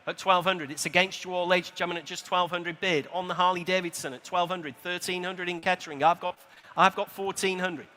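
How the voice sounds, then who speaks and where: A man's voice: high voice, steady tone, brisk, sharp tone. A British man working as an auctioneer, calling bids in rhythmic repeated prices with polite, chatty asides to bidders. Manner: polite, courteous address to bidders. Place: large indoor auction hall at a motor show. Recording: PA voice in large reverberant hall.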